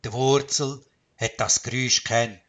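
A man with a Swiss German accent narrating a children's storybook in a calm, measured way. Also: mid-range voice.

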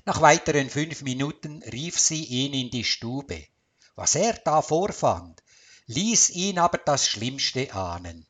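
Slow, expressive male storyteller. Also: medium pitch, breathy edge. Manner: dramatic, expressive reading. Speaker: narrator. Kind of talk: storytelling read-aloud.

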